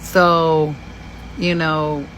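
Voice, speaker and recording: A woman in her forties from Kentucky telling a story in a blunt, profane and animated way. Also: sits low, drawn-out words, a little hiss or hum, poor audio. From Kentucky, USA. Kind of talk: casual storytelling.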